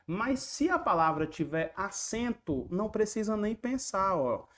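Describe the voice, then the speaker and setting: A man's voice: high-pitched, very animated, unhurried, a bit bright. A young man teaching an online exam prep lesson, chatty and jokey, repeating each key point and rhyme.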